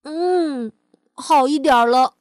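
A woman doing a squeaky little boy mouse. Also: slow pace, no room sound, studio quality. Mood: relieved. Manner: squealing, high and loud.

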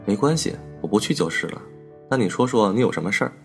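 A rattled young man, pitched well above the storyteller's own gravelly low register, as a male narrator puts him on. His words tumble out fast and pressing, one demand for an answer after another, over faint music. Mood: agitated pleading. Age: young adult. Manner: agitated, rapid, pressing questions. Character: anxious young man pleading with his boyfriend.

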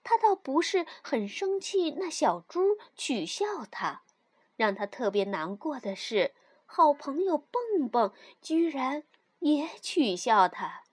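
A woman narrating a children's story in an expressive, animated reading style. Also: sits high, takes it slowly, husky.

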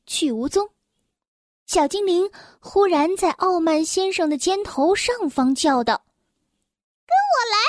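A woman reading a children's storybook aloud, slow and expressive. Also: high voice, no echo, clean studio sound.

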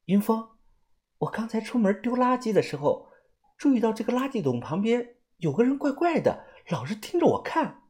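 A man voicing a young woman who tells of a stranger watching her, speaking softly in a raised voice. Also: big pitch swings, moderate pace. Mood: uneasy. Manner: soft, raised pitch, hushed. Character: young woman, pretty, uneasy companion.

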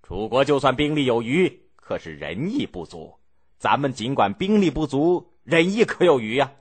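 A man's voice: mid-range voice, very animated, normal speed, husky. A man voicing an old, stubborn, self-righteous duke who talks in a lecturing, pompous way. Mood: scornful.

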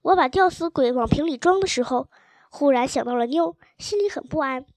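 Woman reading a storybook, high voice, gentle and even, dry close sound. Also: brisk, no room sound. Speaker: audiobook narrator.

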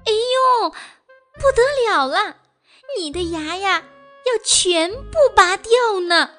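A woman's voice: high voice, sing-song, moderate pace, faint music behind. A woman voicing a sly, smiling fox who sweet-talks the tiger, in a children's storybook reading. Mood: mock alarm. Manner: smiling, coaxing. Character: sly sweet-talking fox posing as doctor.

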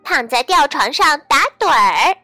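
A woman voicing a bouncy, quick-tempered kangaroo who speaks in a sharp, indignant way in a children's story. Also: high-pitched, big pitch swings, no room sound, faint music behind, full character voice.

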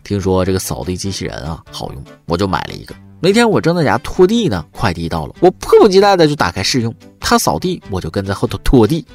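Male podcast host with comedic news commentary, pitch swinging wildly, wry and teasing, faint music behind. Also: wildly swooping pitch, fast talker, few pauses.

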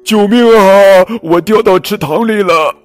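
A man voicing a playful young male elephant who loves pranks, calling in a high, loud voice, in a children's storybook reading. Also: lively intonation, normal speed, dry recording, faint music behind.

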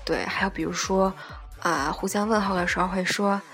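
A woman teaching a language lesson, explaining word by word and repeating each example slowly and patiently. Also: medium pitch, steady tone, fairly bright tone, faint music behind.

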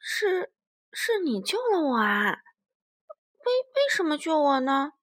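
A bashful male tyrannosaur, as a woman reads him stammers and blurts in a high, swooping voice. He speaks loudly and flusters easily, like a bully caught off guard in a children's storybook. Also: very animated, slow pace, exaggerated voice. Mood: flustered.

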